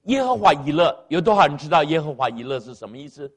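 A male pastor delivers a sermon over a church microphone, drawing the congregation in with questions and repeated phrases. His voice sits a little high and is slightly husky, and it swings up and down with lively expression. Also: quick pace. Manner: engaging the congregation, asking them to answer aloud; emphatic repetition of phrases. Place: church sanctuary with sound system. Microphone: amplified microphone.

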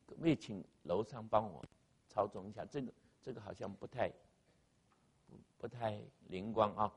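A man's voice: lowish voice, normal speed, vocal fry, breathy edge. A man preaching a sermon in church into a microphone, repeating key phrases for emphasis and calling on the congregation to answer aloud. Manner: engaging the congregation, asking them to answer aloud. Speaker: pastor. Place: church sanctuary with sound system. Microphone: amplified microphone.

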